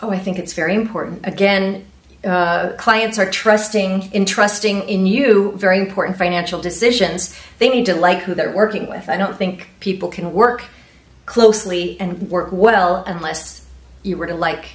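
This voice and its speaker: A medium-pitched female voice at a normal pace belongs to an Ecuadorian real estate agent in her forties, a native Spanish speaker answering earnestly during a panel interview. She explains with gestures in a meeting room with a large screen. Captured by a far camera mic, the room echoes and faint noise is audible.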